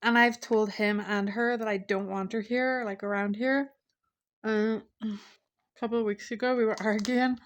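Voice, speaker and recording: A woman's voice: fairly high pitch, fairly even intonation, moderate pace. A young woman vlogging casually from home, talking candidly and venting about her frustrations while snacking. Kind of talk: casual vlog chat. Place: indoors at home.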